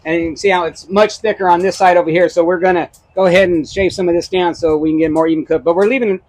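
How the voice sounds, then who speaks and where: A man's voice: high voice, steady tone, fast, darkish tone, rough recording. A man co-hosting a casual barbecue cooking demonstration outdoors, enthusiastic and explaining step by step. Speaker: barbecue show co-host.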